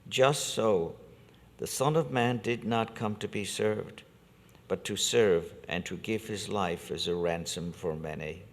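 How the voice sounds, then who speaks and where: Deep-voiced priest in a cathedral echo. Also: male voice. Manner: measured, deliberate liturgical delivery. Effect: cathedral-like church echo. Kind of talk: gospel reading and homily. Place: large church. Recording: long church reverb.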